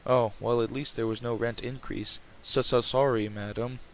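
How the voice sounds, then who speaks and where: A man's voice: mid-range voice, steady tone, a little slow, rough recording. A man voicing a broke young woman in a visual novel game, apologetic and a little defensive. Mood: meek, apologetic. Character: broke, sarcastic young woman, aspiring calligrapher. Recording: clear background noise, game ambience.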